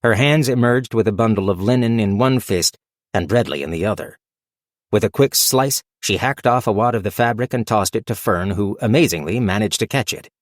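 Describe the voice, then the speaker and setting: Low-voiced male audiobook narrator. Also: no echo, studio quality. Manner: steady, measured storytelling. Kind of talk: scripted narration.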